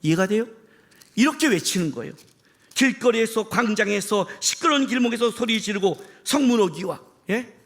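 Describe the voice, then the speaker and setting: A man preaching a sermon as pastor, impassioned, shouting for emphasis and firing rhetorical questions at the congregation. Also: high voice, lively intonation, normal speed.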